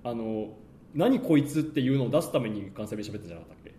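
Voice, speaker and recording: A man co-hosting a casual chat, joking and rattling off long lists at a rapid clip. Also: fairly low pitch, lively intonation, dark tone, slight background noise. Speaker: podcast co-host. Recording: roomy echo.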